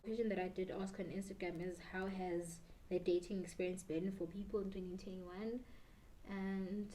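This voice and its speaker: This beauty YouTuber, a South African woman in her twenties, is slightly tipsy as she chats loosely over her makeup in a small indoor bedroom, mixing English and Zulu. She speaks at a moderate pace in a mellow, fairly low voice with a level tone. There's a little hiss or hum, and the audio is poor.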